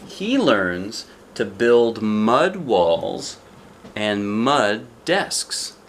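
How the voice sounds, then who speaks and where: This storybook reader has a fairly low voice and reads a children's picture book very slowly and with great animation, adding chatty asides and questions for the young listener. A faint hiss or hum runs underneath.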